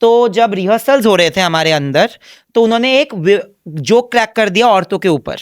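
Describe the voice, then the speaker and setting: A young man answering interview questions candidly, in an animated, emphatic way, mixing Hindi and English and acting out remarks he quotes. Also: high-pitched, moderate pace, clear, resonant tone, dry recording, clean studio sound. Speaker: reality show contestant as interview guest.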